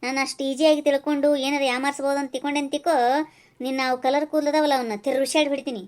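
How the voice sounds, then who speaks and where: A woman's voice: sits high, level tone, a little mellow, lightly acted. A woman voicing a fiery village woman with a North Karnataka accent. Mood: indignant. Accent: North Karnataka Kannada. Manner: scolding, rapid and combative. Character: brash rural village woman, middle-aged, quick-tempered. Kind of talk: cartoon voice acting.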